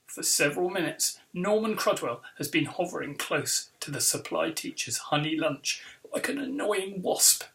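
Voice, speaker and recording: A man, the author, reading aloud from his children's book with expressive storytelling. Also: on the high side, moderate pace, creaky. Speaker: author and illustrator.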